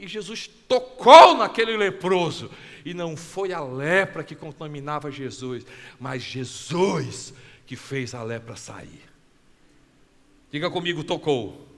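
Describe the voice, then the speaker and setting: Fiery Brazilian pastor preaching in a resonant hall. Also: male voice, on the high side. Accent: Brazilian Portuguese. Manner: animated preaching, swinging from soft asides to loud exclamations; acts out short quoted dialogues in his own voice. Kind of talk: sermon.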